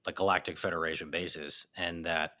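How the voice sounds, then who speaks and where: A man talking as a podcast guest in a casual conversation, lively and enthusiastic, with animated asides. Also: sits low, normal speed.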